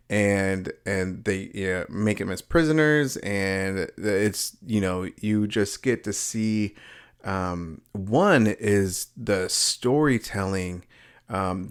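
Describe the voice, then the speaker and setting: A man's voice: on the low side, clean tone. A man hosting his own home video review channel, talking casually with lots of fillers and restarts. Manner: rambling, many fillers and restarts; upbeat, excitable opening.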